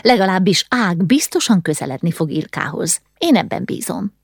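A spirited young noble girl in a spoken storybook, eager and persuasive as she makes her case, voiced by a woman narrator. Her pitch moves lively over a low base. The recording is dry and close. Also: creaky, breathy edge, no room sound, exaggerated voice.

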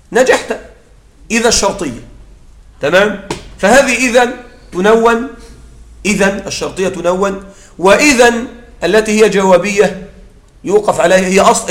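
A man's voice: high-pitched, a bit bright, echoey room. A man teaching Arabic grammar, explaining patiently, often checking that listeners follow and restarting words mid-phrase. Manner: halting restarts mid-word.

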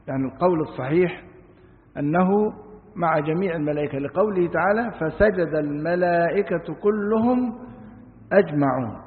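An Egyptian sheikh gives a religious lesson, reading classical lines and then explaining them casually with questions to his listeners. His voice is high. The sound is thin and phone-like, with a long hall echo behind it. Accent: Egyptian Arabic. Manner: reads classical passages, then explains in colloquial speech with rhetorical questions. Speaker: sheikh teaching Quran commentary.

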